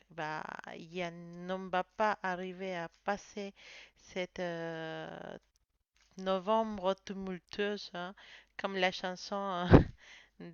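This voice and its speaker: Slow, hesitant woman tarot reader. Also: fairly low pitch, smooth, no echo, highs cut off. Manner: hesitant, searching for words, many fillers. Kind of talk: monthly tarot reading video.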